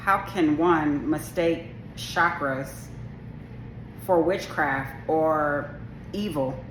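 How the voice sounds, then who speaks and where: In an extremely slow, casual monologue to camera, a female video creator with a low, deep voice speaks powerfully and assertively, yet keeps rambling, restarting and going off on asides. The audio is roomy and echoey, with faint ambient hum.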